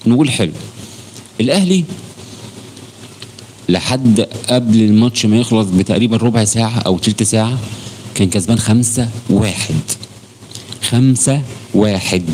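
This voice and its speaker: A man's voice: fairly low pitch, a little mellow, a little hiss or hum. A man with an Egyptian Arabic accent hosting a casual football live stream, chatting with viewers by name and swearing oaths as he talks. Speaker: football channel host.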